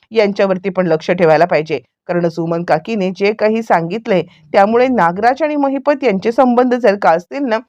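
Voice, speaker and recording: A woman reading the lines of a calm young husband laying out a plan. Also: fairly high pitch, no echo, muffled recording, lightly acted.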